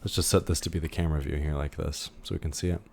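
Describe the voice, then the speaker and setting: A man instructor giving a casual screen-recorded software tutorial, thinking aloud with many fillers and restarts. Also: extremely low pitch, level tone, very fast, gravelly, slight background noise.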